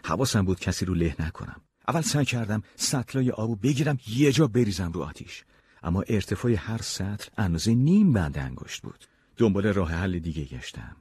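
A man narrating an audiobook story in the first person with expressive storytelling. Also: on the low side, breathy edge, no room sound.

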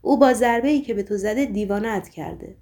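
A woman's voice: on the high side, natural voice. A woman voicing a weary, sorrowful man. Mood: calm, sad. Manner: calm, earnest, apologetic.

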